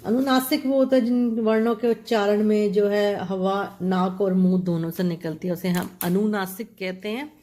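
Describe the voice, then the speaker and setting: A woman's voice: mid-range voice, fairly even intonation, warm tone. A woman teacher giving a grammar lesson, going through letters one at a time, repeating each term and checking with her students as she writes. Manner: slow, repeats terms, checks with "ठीक है".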